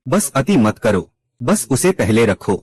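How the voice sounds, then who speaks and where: A male narrator runs through a short drama, delivering every character's lines in one scripted read. His pitch is mid-range and swings widely from line to line. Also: sing-song, slow, darkish tone, husky, no echo. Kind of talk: scripted recap narration voicing all characters.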